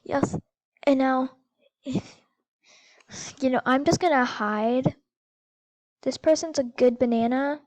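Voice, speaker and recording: A woman hosting a gameplay video, chatting excitedly and explaining the game rules to a friend as they play. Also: high voice, slow pace, pauses often, no room sound, rough recording. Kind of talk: casual gameplay chat.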